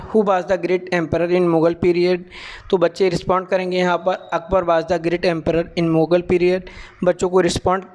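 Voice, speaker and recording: A high-pitched man walks trainee teachers through a lesson plan. He mixes Hindi with terms. He reads the sample questions and answers slowly and deliberately. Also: darkish tone. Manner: reads English sample lines slowly, then explains in Hindi mixed with English. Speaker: teacher educator.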